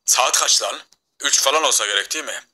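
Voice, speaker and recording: A man's voice: medium pitch, a little fast, sharp tone. Man voicing a blunt, teasing boyfriend. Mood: worried. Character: worried, teasing young boyfriend. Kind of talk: game role-play voice-over.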